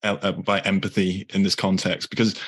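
Fast, husky male podcast host. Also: deep voice, flat delivery. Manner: upbeat, repeats words, says "like" a lot. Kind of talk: podcast interview.

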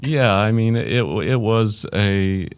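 A middle-aged man with an Arkansas Southern accent, talking casually in an interview in a folksy, plain-spoken, halting way. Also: on the low side, slight background noise.

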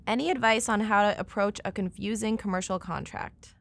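A woman's voice: medium pitch, fairly even intonation, a little fast, vocal fry. A woman hosting an interview, giving short upbeat prompts and questions. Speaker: podcast host.

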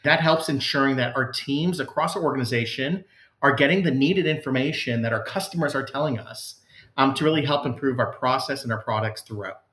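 A man's voice: medium pitch, a little fast, a bit bright. Earnest executive man in a roomy room. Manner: earnest, conversational, many fillers and restarts. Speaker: customer service executive, guest. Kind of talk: podcast interview answers.

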